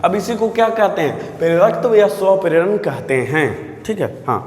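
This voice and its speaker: A man's voice: high-pitched, big pitch swings, normal speed, a little mellow. A man teaching physics, often repeating himself and checking the viewers understand, calling them sir. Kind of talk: classroom physics lesson. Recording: echoey room with long reverb.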